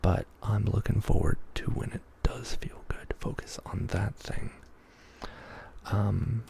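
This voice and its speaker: A man gives a half-whispered ASMR pep talk in a low, very creaky voice that often slips into breathy whisper. He rambles gently and encouragingly at an unhurried pace. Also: steady tone. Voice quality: breathy and gravelly, drifting into whisper. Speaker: ASMR YouTuber.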